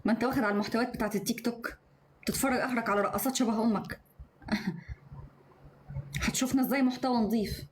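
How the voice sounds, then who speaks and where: A woman in her twenties with an Egyptian accent, live streaming and reading out viewer comments with quick, sharp-tongued retorts, talking into her phone at home. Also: fairly high pitch, fairly even intonation, slight background noise. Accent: Egyptian Arabic. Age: 20s. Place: indoors at home.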